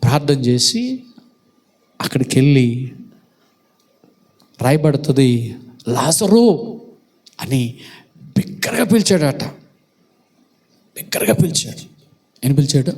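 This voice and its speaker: A male pastor preaching a sermon, asking the congregation questions and acting out loud calls. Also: mid-range voice, big pitch swings, a little slow, long pauses. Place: church hall.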